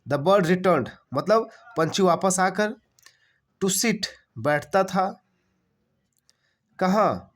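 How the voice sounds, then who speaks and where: Slow-talking man teaching translation. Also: high-pitched. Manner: spells words letter by letter and repeats phrases slowly; asks questions and answers them himself. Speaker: English teacher. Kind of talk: translation lesson.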